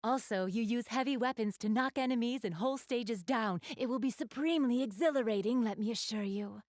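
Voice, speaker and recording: Fairly quick and a little mellow, a woman's slightly high voice brings an elegant young goddess from an anime video game to life with light acting. Enthusiastic yet polite, she speaks to the player in courteous, genteel, formal diction with a keen gamer's refinement, in clean studio audio without echo.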